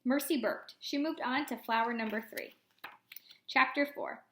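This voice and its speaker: A woman's voice: high-pitched, unhurried, fairly bright tone, echoey room. A woman reading a children's storybook aloud, changing her voice for each character. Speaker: reader.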